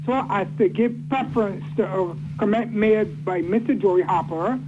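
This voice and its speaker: A man calling in to a radio show, speaking in a formal, flowery, deliberate way. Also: high voice. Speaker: caller. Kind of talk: phoned-in radio comment. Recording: dull lo-fi phone line with noise.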